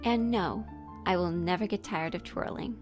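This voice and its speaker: A woman's voice: on the low side, normal speed, over music. A young woman narrating and chatting casually as a hobby sewing vlogger. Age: young adult. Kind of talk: casual vlog narration and chat.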